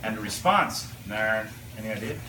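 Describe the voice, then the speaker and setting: A man's voice: fairly high pitch, lively intonation, fairly quick. A man with a Newfoundland accent hosting a joking lesson, playfully drilling the crowd in call-and-response. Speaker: host teaching visitors local sayings. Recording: echoey room from far off with loud noise.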